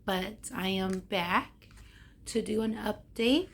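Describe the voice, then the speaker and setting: A woman with a hoarse voice chats casually to camera, giving a personal update and often trailing off as she searches for words. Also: mid-range voice, slow pace. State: hoarse after neck surgery. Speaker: vlogger giving a health update.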